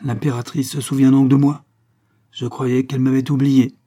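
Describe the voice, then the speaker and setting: A man voicing a frail old male prisoner who speaks with hollow, calm resignation in a storybook reading. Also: medium pitch, normal speed, pitched above the performer's own voice, natural voice. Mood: resigned.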